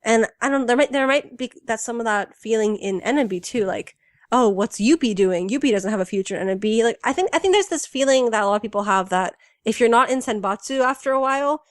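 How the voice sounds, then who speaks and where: A woman's voice: on the high side, expressive, fast, hardly any pauses, no echo, studio quality. A woman co-hosting a casual fan podcast, chatty and enthusiastic, full of fillers. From United States. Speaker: podcast co-host.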